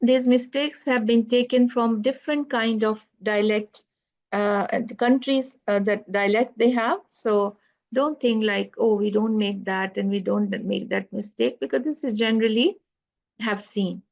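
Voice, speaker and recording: A woman teaching Quran pronunciation, speaking slowly and repeating sounds to demonstrate them. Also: fairly high pitch, vocal fry, darkish tone. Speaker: tajweed teacher. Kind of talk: online lesson. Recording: dull lo-fi recording.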